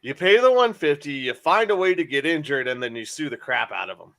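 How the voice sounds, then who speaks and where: A man's voice: a little high, expressive, brisk, vocal fry, a bit bright. A man hosting a casual sports podcast, joking loosely and running the picks segment. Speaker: podcast host.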